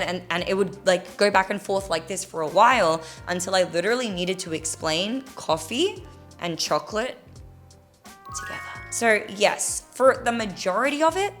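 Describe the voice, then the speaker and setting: A woman's voice: mid-range voice, animated, normal speed, fairly bright tone, faint music behind. A young woman from Australia with a mixed Australian and American accent, frankly answering viewer questions in a casual vlog. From Australia, Gold Coast. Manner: candid, frank, chatty.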